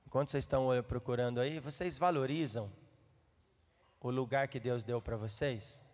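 A Brazilian man preaching as a pastor, speaking in an animated way and teasing and coaxing his congregation. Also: medium pitch, normal speed. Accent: Brazilian Portuguese. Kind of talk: sermon. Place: church hall. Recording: reverberant church hall.

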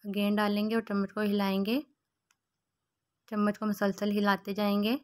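Woman cooking host, steady monotone voice-over, calm short recipe steps. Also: mid-range voice, normal speed.

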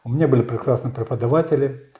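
A man in his sixties, a candidate answering interview questions in a measured storytelling way, often pausing with fillers. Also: medium pitch, mellow, roomy sound. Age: 60s. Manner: measured, storytelling, frequent hesitations. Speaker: election candidate. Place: small bright studio.

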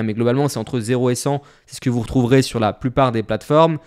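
A man's voice: mid-range voice, clean tone. A man explaining a trading indicator step by step in a screen-share tutorial. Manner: explains step by step, plain and direct. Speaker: trading instructor.

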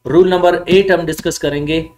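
A male grammar teacher giving a classroom lecture, mixing explanation with slow, spelled-out English examples and answering his own rhetorical questions. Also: a little high, fairly even intonation, a little mellow. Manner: asks himself rhetorical questions and then answers them.

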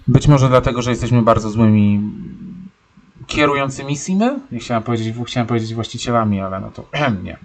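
A man's voice: medium pitch, a little hiss or hum. A young man giving casual, sarcastic commentary while playing a life-simulation game, scolding his stubborn horse. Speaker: let's-play gamer.

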